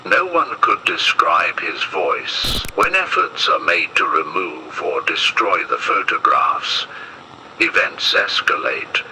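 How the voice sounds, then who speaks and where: A male narrator on an analog-horror warning tape speaks in a very low, grave voice at a measured pace, with lively movement in his pitch. Background noise runs underneath.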